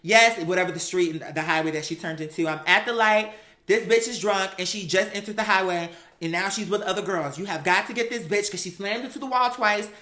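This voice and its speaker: The voice is mid-range, pushed and bright, from a woman hosting an online talk show. She gossips and tells stories casually, in a manner that's dramatic, emphatic, sassy and profane.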